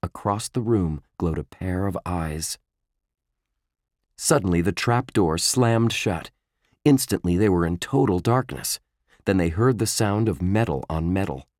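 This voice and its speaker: A man narrating a children's chapter book in a slow, expressive reading. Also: low voice, no room sound, clean studio sound. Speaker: audiobook narrator. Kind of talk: storybook narration.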